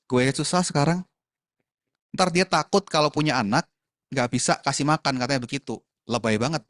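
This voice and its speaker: A chatty man, talking casually to a youth group and slipping English words in. His voice sits a little high for a man and is recorded close and dry, with no room sound. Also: dry recording. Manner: chatty, mixes in English words, addresses the audience as friends.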